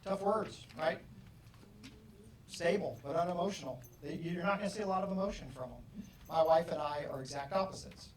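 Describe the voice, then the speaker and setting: A middle-aged man giving an animated motivational talk to an audience, acting out bits of dialogue with loud bursts. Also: on the high side, moderate pace, a little hiss or hum. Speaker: motivational speaker. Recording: roomy, distant hall mic, faint ambience.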